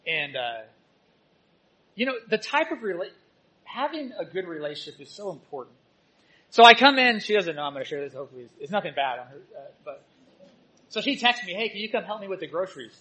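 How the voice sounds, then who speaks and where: Bright, high-voiced man preaching. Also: brisk, long pauses, low-quality recording. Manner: animated, swings between loud exhortation and soft asides. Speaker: church teacher. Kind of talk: sermon with personal stories.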